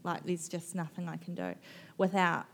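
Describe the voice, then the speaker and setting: Animated, rambling woman author. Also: lowish voice, moderate pace, vocal fry, a little hiss or hum. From New Zealand. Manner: animated, rambling, laughs often, mimics people. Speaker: author guest. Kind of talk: live festival conversation.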